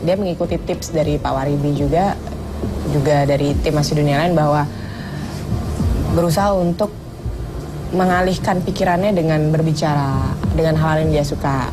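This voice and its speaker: A woman's voice: low voice, steady tone, moderate pace, pauses often, background noise. A woman explaining and commenting as an analyst on a paranormal show. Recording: music over the voice. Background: background music.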